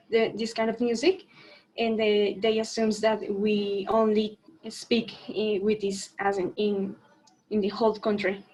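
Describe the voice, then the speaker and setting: A woman's voice: medium pitch, rough recording. A woman student with a Colombian Spanish accent, a native Spanish speaker searching for her words in a class discussion. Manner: hesitant, searching for words in English.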